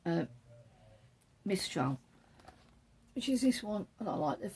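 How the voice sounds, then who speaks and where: A woman's voice: mid-range voice, sing-song, takes it slowly, a little mellow, breathy edge. A woman hosting a knitting podcast, chatting casually as she shows patterns from a book, rambling and correcting herself as she goes.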